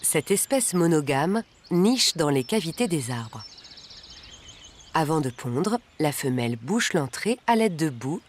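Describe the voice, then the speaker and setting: A narrator reading a scripted nature documentary in a measured, articulate way. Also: medium pitch, very animated, a little hiss or hum. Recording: background music under the voice. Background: music.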